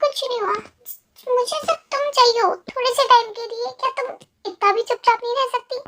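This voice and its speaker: A woman's voice: very high voice, fairly quick, a little hiss or hum. A woman voicing a clingy, emotional young man who pleads and whines at his fiancée in a fan story. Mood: pleading. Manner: pleading and whiny. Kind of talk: Hindi dubbed fan story voice acting. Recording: soft music underneath.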